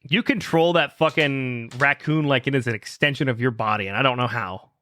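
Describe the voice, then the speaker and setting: A man's voice: mid-range voice, fairly quick, bright, forceful tone. A man hosting a podcast in casual chat, rambling with lots of fillers and swearing. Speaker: podcast host.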